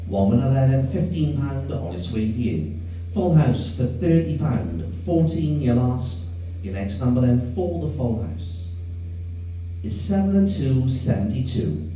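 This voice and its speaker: A man working as a bingo caller, reading out numbers in a measured, repetitive sing-song formula. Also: mid-range voice. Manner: measured, repetitive call pattern with swinging intonation. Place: echoey bingo hall, recorded from a distance. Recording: distant, echoey, dark sound with faint hum.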